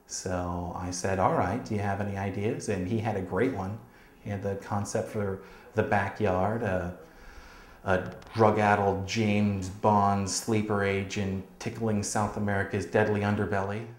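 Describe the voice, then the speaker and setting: A comic writer telling the backstory in a documentary interview, acting out quotes. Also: male voice, on the low side, little pitch movement, measured pace, roomy sound. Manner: storytelling, acts out quotes.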